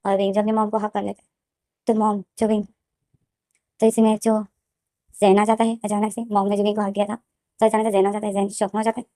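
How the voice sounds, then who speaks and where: A woman narrates her own fan story in a loose, rambling style, often restarting sentences. Her voice is mellow and soft-edged. The recording is dry and close. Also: mid-range voice, level tone, fast, pauses often, no echo. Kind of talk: casual story explainer narration.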